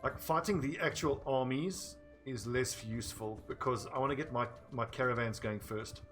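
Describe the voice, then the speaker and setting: A young South African man with a medium-pitched, slightly bright voice and a South African accent chats casually at normal speed while livestreaming a game. He answers his chat as he plays, with faint music in the background.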